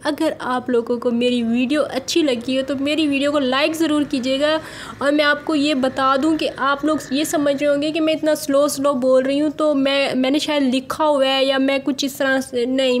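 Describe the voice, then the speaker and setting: A woman vlogger giving a teasing reaction commentary, firing mock-indignant questions, then signing off in a quick, chatty way. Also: high-pitched, slight background noise.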